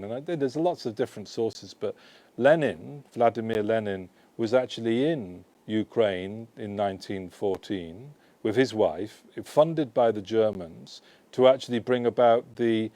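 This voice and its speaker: Answering questions from the audience at an in-store book launch, this man, the author of the book, speaks with a fairly low pitch and a warm tone. His talk wanders and self-corrects, peppered with "you know" and "right?".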